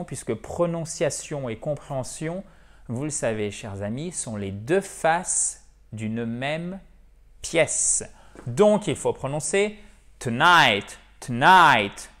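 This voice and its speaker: A French-speaking man giving a video lesson on English pronunciation, drilling words slowly and repeating them. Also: a little high.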